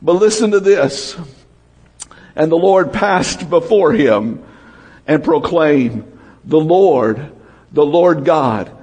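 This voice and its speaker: Pastor, male, husky and fairly high voice, unhurried delivery, lively congregational preaching. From United States. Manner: lively preaching, calls out to the congregation, rises to shouts and drops low. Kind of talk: sermon.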